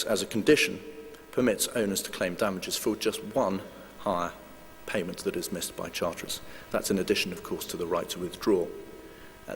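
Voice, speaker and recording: Deep-voiced man lecturing in a hall. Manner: measured, hedging with frequent "uh" fillers. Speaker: lawyer giving a conference talk. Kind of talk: formal legal presentation. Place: conference hall. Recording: long hall reverb with faint hum.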